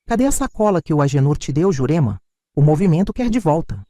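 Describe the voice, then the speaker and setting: A man's voice: on the high side, big pitch swings, fast, warm tone. A man voicing a menacing woman neighbor tied to gangsters, speaking coldly and with threat. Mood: threatening. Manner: cold, threatening.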